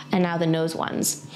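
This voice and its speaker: A woman teaching a prenatal yoga breathing lesson in an informal, gently guiding way. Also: mid-range voice, heavy background noise. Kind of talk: guided breathing lesson, conversational instruction.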